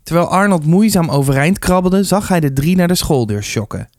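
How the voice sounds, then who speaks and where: A man reading a youth novel aloud with steady, measured narration. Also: on the high side, no echo, studio quality. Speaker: reader. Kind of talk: storybook reading.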